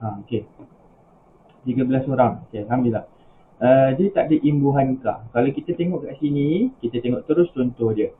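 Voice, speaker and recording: A man's voice: medium pitch, brisk. A male teacher with a Malaysian Malay accent leads an online class, patient and step by step. His voice comes through a tinny, phone-like video call line with a faint hiss behind it. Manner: patient, explains step by step with rising example questions. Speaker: religious school teacher.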